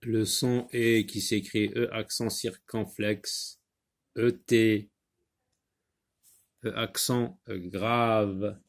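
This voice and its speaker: A man teaching a phonics lesson, spelling out letters and sounds slowly, with many filler pauses. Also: fairly low pitch, little pitch movement.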